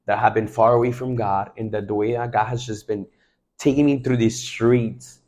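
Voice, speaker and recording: A young man from Mexico in his twenties, talking about faith with a fired-up, emphatic energy. His voice sits somewhat low, and his talk is loose and casual, packed with slangy fillers. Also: steady tone, moderate pace, a little mellow, slight background noise. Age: 20s.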